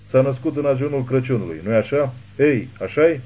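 A man voicing a crazed, hateful old woman who spits forceful accusations in an audiobook. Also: medium pitch, lightly acted. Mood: accusing.

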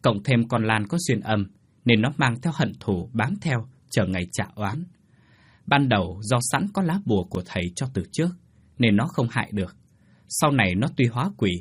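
A man's voice: on the low side, slightly rough. Man playing a solemn village exorcist. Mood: explaining. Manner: grave, measured explaining. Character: solemn middle-aged male village exorcist.

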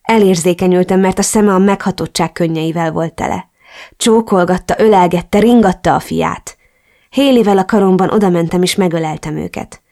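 A woman narrating a first-person romance audiobook in an expressive, emotional way. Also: on the low side, gravelly.

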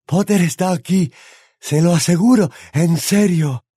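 A man's voice: high-pitched, a little slow, mellow, husky, dry recording, studio quality, voice pushed up. A man voicing a frightened, pleading father who whimpers and begs in an audiobook. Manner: whimpering, begging. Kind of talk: audiobook narration.

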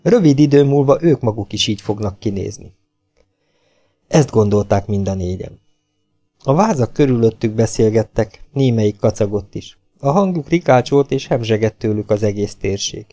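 A man reading an adventure novel aloud as an audiobook, with a measured, dramatic delivery. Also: fairly low pitch, expressive, warm tone, faint music behind. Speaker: audiobook reader. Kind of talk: audiobook narration.

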